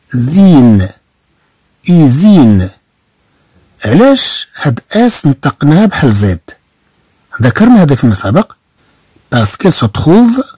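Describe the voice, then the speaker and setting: A man with a Moroccan Arabic accent teaching French to beginners, repeating each word slowly and spelling out its sounds. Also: a little high, warm tone, breathy edge, no echo. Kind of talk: online language lesson.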